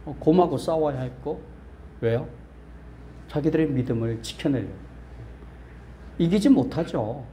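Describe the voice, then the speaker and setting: A male pastor with a high, mellow voice preaches in a small church. He quizzes his listeners and teases them lightly, and at other times he presses his points with rising insistence. A faint hiss sits under the recording. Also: expressive, unhurried, pauses often. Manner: asks the congregation questions and jokes with them; rises to emphatic, insistent peaks. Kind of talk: sermon.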